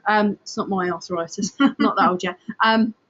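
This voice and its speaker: Female discussion host, husky, hesitant and informal, creaky chair in a muffled lo-fi recording. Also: medium pitch, steady tone, normal speed, fairly bright tone. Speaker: host of a driving forum discussion. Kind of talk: informal discussion, explaining to listeners. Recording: dull, lo-fi sound, creaky chair.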